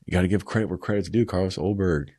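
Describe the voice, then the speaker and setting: A man's voice: sits low, quick pace, mellow, no room sound, clean studio sound. A man casually recapping fight events at home, rambling and swearing, tossing in "bro" and "man" constantly. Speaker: combat sports vlogger.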